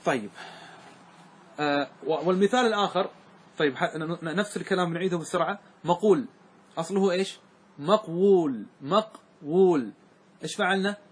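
A man teaching Arabic grammar as a sheikh, walking his class through word forms step by step and asking often whether it is clear. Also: high-pitched. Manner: keeps checking that students follow, asking if it is clear; slows and repeats words to stress their forms.

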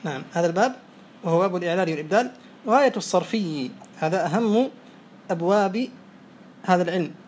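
A man teaching Arabic morphology, quizzing students and briskly praising each answer. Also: sits high, expressive, darkish tone. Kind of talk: oral quiz lesson. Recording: faint background noise.

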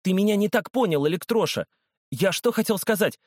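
A man's voice: sits high, lively intonation, brisk, darkish tone, no room sound, clean studio sound, pitched above the performer's own voice. A man voicing a loyal, hot-tempered schoolboy who speaks emphatically in a storybook. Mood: pleading.

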